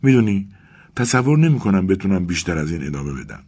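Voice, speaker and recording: A man's voice: low-pitched, big pitch swings, slightly rough, voice pushed up, full character voice. A man voicing an anxious, tearful young clerk who pleads breathlessly in a raised voice. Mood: exhausted.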